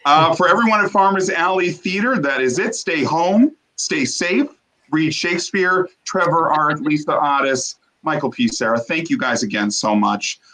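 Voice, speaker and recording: A man's voice: a little high, bright, forceful tone, rough recording. Man hosting from home on a video call. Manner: halting, many uh fillers, heartfelt and thankful. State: briefly emotional, coughing. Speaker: host. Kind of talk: casual closing remarks on a video call.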